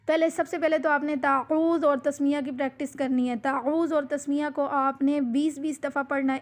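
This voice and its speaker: A woman teaching the pronunciation of Arabic letters in a recorded lesson, patient and repetitive, stretching out each letter as she demonstrates it. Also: high voice. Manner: patient, repeats instructions, drawn-out letter demonstrations. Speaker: Quran recitation teacher.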